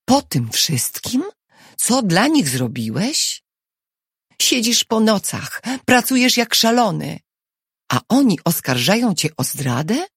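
A woman reading an audiobook who voices a frightened, quick-tempered young wife in a raised, pleading voice. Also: medium pitch, sing-song, husky, dry recording, studio quality, voice pushed up, heavily acted. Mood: anxious, urgent.

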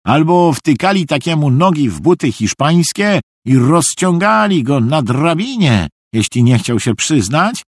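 A naive, good-natured middle-aged soldier, put on by a man reading an audiobook, talking in a high, bouncing, earnest voice that rambles on. The tone stays husky and close, with no room around it. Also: no echo. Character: cheerful simple-minded middle-aged male soldier, earnest.

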